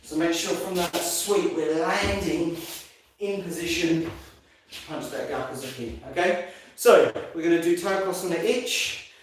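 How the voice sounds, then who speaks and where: A man's voice: fairly high pitch, measured pace. A man instructing a live martial arts class, giving clipped commands and counts between explanations. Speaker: karate instructor. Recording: very echoey room, far from mic, faint noise.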